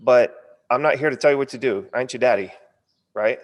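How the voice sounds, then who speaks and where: American male webinar coach, mid-pitched, punchy and chatty, slightly fumbling numb-lip diction, hall-like reverb. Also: a little fast. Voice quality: stumbling, numb-lipped speech from a partly numb lip. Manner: informal, punchy, frequent check-in tags. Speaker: online course coach. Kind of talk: casual sales training webinar.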